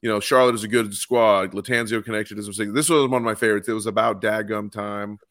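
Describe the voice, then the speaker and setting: Chatty low-voiced man co-hosting a podcast. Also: steady tone, fast, fairly bright tone, no echo, clean studio sound. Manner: enthusiastic, chatty, reads fan tweets aloud. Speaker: podcast co-host. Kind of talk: casual chat.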